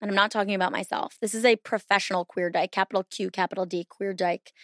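A woman's voice: mid-range voice, fairly even intonation, fast talker, a bit bright, no echo, studio quality. A woman hosting a podcast in a casual, rambling chat full of fillers. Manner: chatty, rambling, with many fillers. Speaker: podcast host.

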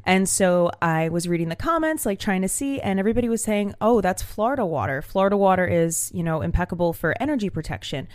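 Young woman vlogger, casual storytelling to camera, animated and chatty, mid pitch, dry close sound. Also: fast talker, hardly any pauses, no echo. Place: small room at home. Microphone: camera mic.

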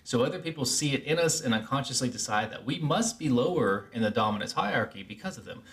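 A man's voice: on the low side, a bit bright. Earnest man explaining self-help. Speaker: podcast host. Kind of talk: self-help podcast monologue.

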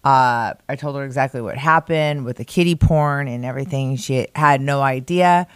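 This co-host of a daily video show is an American woman in casual, candid conversation, chatty and slightly grumbling, recorded on a meeting room mic in a conference room. Her voice is extremely low-pitched, clear and resonant at a moderate pace. The sound is clean studio quality with no room sound.

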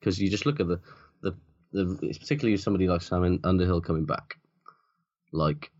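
A very deep-voiced man chats casually as a podcast co-host, blunt and sweary, rambling through his points. The recording is dull and lo-fi. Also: a little fast, darkish tone. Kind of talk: casual sports chat.

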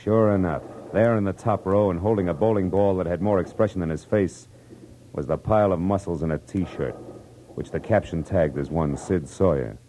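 A man acts as a tough, wry, world-weary American private detective, both lead and first-person narrator of a 1940s radio noir piece. His low, warm voice is lightly acted at normal speed, delivering clipped, slangy lines in a wry narrating mood. The recording is a noisy vintage radio one.

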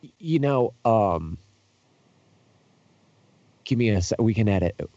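A man's voice: lowish voice, expressive, takes it slowly, mellow, no echo, highs cut off. A young man in casual chat, telling tour stories in a rambling, profane way with lots of fillers and restarts. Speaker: podcast guest, touring musician.

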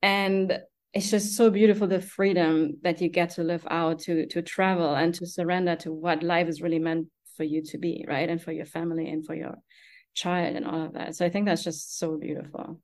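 A woman's voice: on the low side, flat delivery, moderate pace, a little mellow. A woman in her forties with a foreign accent, hosting a casual podcast interview, chatty and effusive, tagging her sentences with "right?". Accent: foreign-accented English. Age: 40s. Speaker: podcast host.

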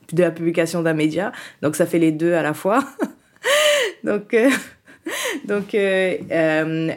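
A woman in her thirties from France, a guest on a podcast interview, explaining at length in a thoughtful way with frequent pauses. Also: deep voice. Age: 30s. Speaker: guest, author and activist.

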